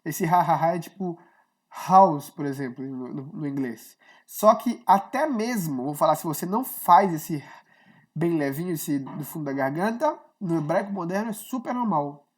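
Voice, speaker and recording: Woman, online language teacher, casual explaining, lower-pitched voice, keeps checking in with listeners. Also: lively intonation, moderate pace, darkish tone, husky. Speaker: Hebrew teacher.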